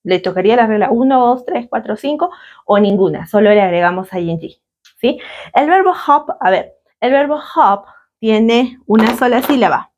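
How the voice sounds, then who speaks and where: A woman with a Latin American Spanish accent teaching an English grammar lesson, slow and patient, often checking in with questions. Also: on the high side, expressive, a little mellow. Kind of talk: recorded classroom lesson.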